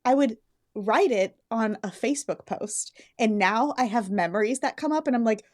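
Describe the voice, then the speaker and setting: A woman's voice: a little high, moderate pace, darkish tone. A woman podcast co-host chatting in an amused way. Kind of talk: casual chat.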